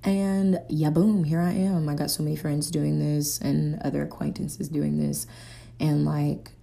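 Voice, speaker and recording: A woman's voice: low voice, little pitch movement, unhurried, vocal fry, warm tone. A young woman, hosting a solo podcast in a rambling, casual stream of consciousness, often hunting for words. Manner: rambling, searching for words, filler-heavy. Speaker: podcast host.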